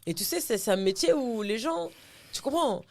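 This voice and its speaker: Lively woman mixing in English phrases. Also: on the high side, normal speed, dry recording. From Cameroon. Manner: animated storytelling, often slips into English phrases. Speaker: actress and TV host, interview guest. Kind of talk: casual interview chat.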